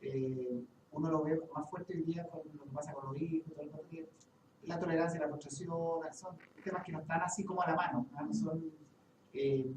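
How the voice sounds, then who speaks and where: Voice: mid-range voice, fairly even intonation, brisk. Participant, mid voice, rambling restarts; far off in echoey, hissy room. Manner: thinks aloud with many restarts. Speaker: workshop participant. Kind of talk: group discussion. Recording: echoey room, far from the mic, audible hiss.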